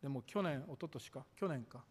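A man preaching a sermon as pastor, measured and formal, drawing out the ends of his sentences. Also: medium pitch, lively intonation, breathy edge. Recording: echoey hall reverb.

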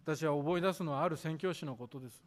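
A man preaching a sermon as pastor, measured and formal, drawing out the ends of his sentences. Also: fairly high pitch. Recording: echoey hall reverb.

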